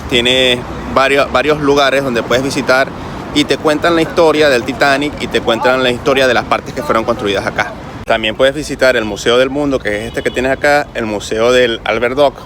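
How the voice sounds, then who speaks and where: A man's voice: mid-range voice, fairly even intonation, normal speed. Chatty Caribbean man vlogging outdoors. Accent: Caribbean Spanish. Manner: chatty, explanatory, addresses viewers directly. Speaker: travel vlogger. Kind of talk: casual travel vlog explanation. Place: outdoors on a city street. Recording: clear street noise behind voice. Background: traffic and street ambience.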